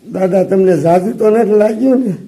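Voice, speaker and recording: A man's voice: high-pitched, a little fast, dark tone, roomy sound, low-quality recording. A man playing a put-upon young village lad in a comedy skit, with a plaintive, pleading way of speaking. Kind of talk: amateur comedy film acting.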